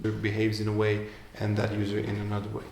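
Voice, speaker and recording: This Romanian man, a guest entrepreneur in a live interview, answers questions quickly with a lowish, slightly mellow voice and a completely flat delivery, full of fillers and restarts. The event room is echoey with faint ambience, and there's a little hiss or hum.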